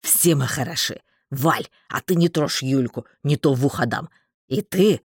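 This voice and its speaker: A man plays a blunt, good-natured fellow who says things straight out in a hearty tone. His voice is mid-pitched and sounds dry and close. This storybook companion comes across as easygoing and a little rough. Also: a little slow, dry recording.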